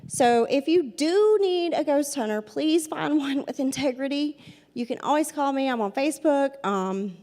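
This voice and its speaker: Her voice is high-pitched and dark in tone, animated at a normal speed: a paranormal investigator in her forties with a Southern US accent, telling stories directly to her listeners. She repeats points for emphasis, and the recording has a long hall reverb.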